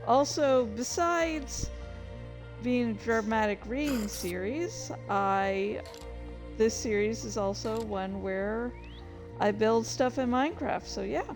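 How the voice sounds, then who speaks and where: Chatting loosely while she plays a game on her livestream, a streamer who hosts a dramatic reading series wanders between topics, gets easily distracted and swears freely. Her voice is fairly high and slow, with music in the background.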